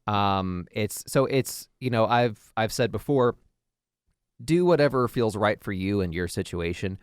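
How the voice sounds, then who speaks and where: A man's voice: on the low side, expressive, a little slow, clear, resonant tone, dry recording, clean studio sound. A man, a father and podcast co-host, talking in a supportive, reassuring way in casual chat.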